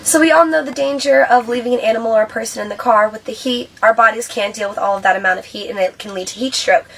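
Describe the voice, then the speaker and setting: High-voiced woman presenting a training video. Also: fast talker. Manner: instructional, explaining and demonstrating to viewers. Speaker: presenter of a school bus safety video. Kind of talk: training video walkthrough, spoken to camera. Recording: distant mic, clearly noisy ambience.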